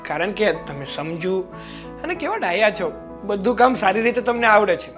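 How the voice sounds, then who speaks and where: An actor playing an earnest young brother-in-law who tries to persuade his sister-in-law and gets loud. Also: high voice, animated, normal speed, over music. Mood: flattering.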